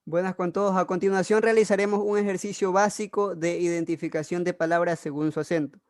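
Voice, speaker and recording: Man, student presenter, formal, high flat voice, dry sound. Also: brisk, dry recording. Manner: formal, leads the exercise. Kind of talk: class presentation.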